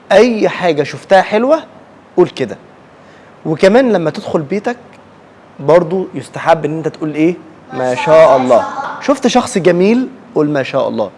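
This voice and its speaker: Brief: fast-talking Egyptian woman, children's religious teacher, quizzes the class and echoes answers, faint room noise. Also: deep voice, a little mellow. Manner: asks questions and repeats the answers back. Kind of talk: call-and-response classroom lesson.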